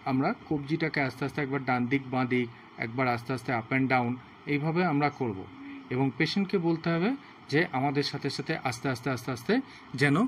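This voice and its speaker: Male physiotherapist, a little higher than most men, slow and repetitive instruction, faint room noise behind. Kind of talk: home exercise demonstration.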